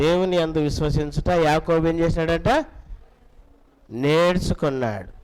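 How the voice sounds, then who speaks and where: A man teaching a children's Bible class, quizzing the children and urging them to answer loudly. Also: fairly high pitch, rough recording. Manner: coaxing, repeats questions, urges children to answer loudly.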